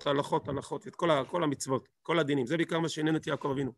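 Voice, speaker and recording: A man's voice: a little high, fairly even intonation, dry recording, clean studio sound. A man teaching a Torah lesson, emphatic, asking rhetorical questions and repeating words for stress.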